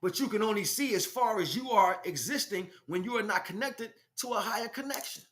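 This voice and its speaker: This man speaks fairly quickly with a high pitch, lively intonation, and a fairly bright tone. A spiritual teacher, he gives a fervent, informal lecture in emphatic street talk, often throwing out rhetorical questions.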